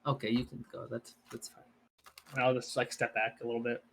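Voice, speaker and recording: A man's voice: mid-range voice, level tone, fairly quick, vocal fry. Man, tabletop player, joking banter, faint background hiss. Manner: joking, swearing, rambling with restarts. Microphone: home mic on a live stream.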